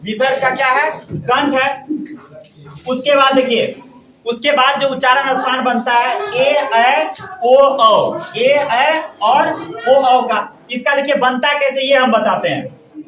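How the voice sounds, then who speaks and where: A male teacher drilling a lesson, asking questions and answering them himself with steady repetition. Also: very high voice, a little hiss or hum. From India. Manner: asks questions and answers them himself, repeating each point. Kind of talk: classroom grammar lesson. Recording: echoey room.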